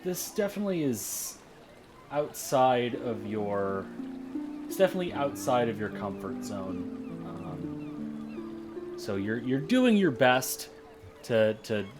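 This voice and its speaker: A man's voice: mid-range voice, huge pitch swings, over music. A man running a tabletop game as game master, hesitant and full of fillers. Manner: slow, halting, many fillers.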